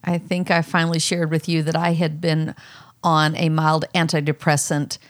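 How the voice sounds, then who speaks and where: A middle-aged mother speaking candidly in a personal conversation, telling her own story earnestly and jumping high in pitch when she quotes herself. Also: flat delivery, normal speed.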